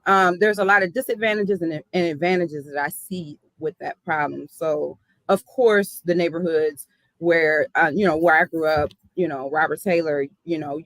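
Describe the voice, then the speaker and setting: A woman's voice: low voice, normal speed, no room sound, poor audio. A woman from the South Side of Chicago, a hip hop artist telling her story in an earnest, reflective interview.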